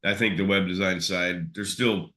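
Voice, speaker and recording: Male interview guest, deep and bright-toned, loose rambling delivery. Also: steady tone, moderate pace. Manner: rambling, many fillers and restarts. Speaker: SEO expert guest. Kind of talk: casual interview chat.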